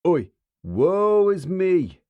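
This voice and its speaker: A woman's voice: lowish voice, slow, no room sound, narrow, tinny audio. A woman voicing a sarcastic, teasing young male rocker bandmate in an audiobook. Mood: taunting. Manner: sarcastic and taunting.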